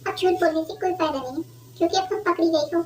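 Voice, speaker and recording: A woman's voice: extremely high pitch, fast talker, a little mellow, pitched above the performer's own voice. A woman voicing a hungry young daughter-in-law who talks nervously and fibs in a cartoon story. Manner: nervous, fibbing. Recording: echoey room, distant mic, noisy.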